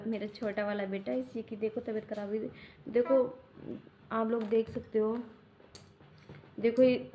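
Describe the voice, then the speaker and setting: A woman's voice: mid-range voice, muffled recording, a little hiss or hum. Young mother rambling in a home vlog. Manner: rambling, homely storytelling with many restarts. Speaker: mother vlogger.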